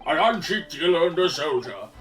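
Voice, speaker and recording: A man voicing a grave, authoritative judge in a courtroom video game, formal and measured. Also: on the high side, sing-song, a bit bright, soft background music.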